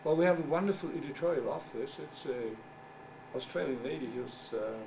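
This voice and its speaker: In a conference room, a German-native journal editor of middle age talks haltingly in English, often searching for the right word. His pitch is an ordinary middle one, and the mic sits far away, with constant noise behind him.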